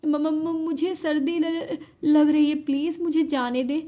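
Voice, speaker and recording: A woman playing a terrified young wife in a storybook reading, her high voice trembling and breaking into stammers as she cries and begs through the cold. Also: steady tone, slow pace, mellow. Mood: pleading. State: crying. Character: frightened young wife, shivering and weeping.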